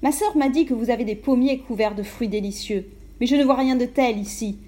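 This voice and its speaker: A woman's voice: on the high side, brisk, warm tone, close to an everyday voice. A woman voicing a rude, spoiled young woman in a storybook, speaking with scorn and haughtiness. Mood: scornful.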